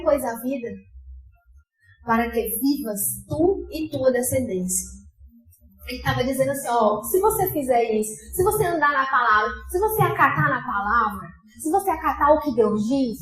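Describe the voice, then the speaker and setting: Brazilian woman pastor, high passionate sermon voice, echoey church hall, faint music under her. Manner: impassioned, swings between loud outbursts and soft asides. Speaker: pastor preaching. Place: church sanctuary.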